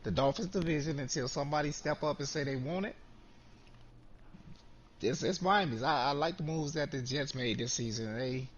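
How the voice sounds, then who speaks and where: A man talking casually as a guest on a sports chat, relaxed and often repeating his words as he restarts. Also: fairly high pitch, normal speed. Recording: dull lo-fi line with faint noise.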